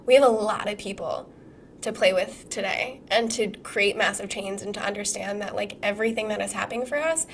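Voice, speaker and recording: A young woman with a hoarse, sick-sounding voice leads a live-streamed masterclass as a healing coach. She talks casually and animatedly, swearing freely and firing off rhetorical questions. Her pitch sits at an ordinary middle height for a woman. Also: fairly quick, a little hiss or hum.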